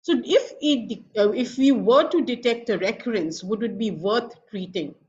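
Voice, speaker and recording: Higher-pitched Indian woman lecturing online. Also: moderate pace, a little mellow. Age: middle-aged. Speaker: professor of radiation oncology, guest speaker. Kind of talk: formal medical webinar lecture. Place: online video call. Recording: dull lo-fi video call audio.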